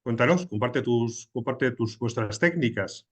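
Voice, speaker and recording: A man's voice: mid-range voice, animated, measured pace. A man hosting a business podcast, asking questions in a conversational way and rephrasing them as he talks. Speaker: podcast host. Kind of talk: interview questions, casual chat.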